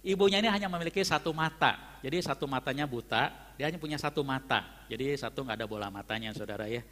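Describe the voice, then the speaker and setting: A man's voice: mid-range voice, fast, pushed and bright. A man preaching a fervent sermon and telling a story, often calling out to his listeners as brethren. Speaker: pastor. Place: church hall. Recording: long church-hall reverb.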